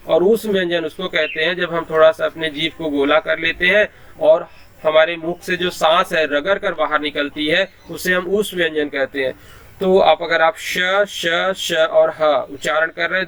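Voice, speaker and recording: A man's voice: on the high side, a bit bright. A man teaching Hindi in an online class, explaining patiently and sounding out letters one by one, with a habit of repeating a filler phrase.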